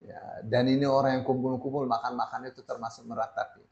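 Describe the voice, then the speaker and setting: Gravelly guy teaching hadith, keeps saying ya, dull lo-fi recording. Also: mid-range voice, flat delivery, fairly quick, a little mellow. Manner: frequent "ya" tags, reads Arabic text then explains. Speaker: Islamic teacher. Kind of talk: religious lesson on hadith.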